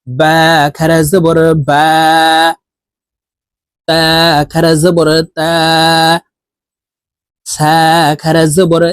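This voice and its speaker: Recitation teacher, male, slow drawn-out drill delivery, dry close mic. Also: a little high, little pitch movement, no room sound. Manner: slow, drawn-out syllables with quick explanations between. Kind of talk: slow spelling drill lesson.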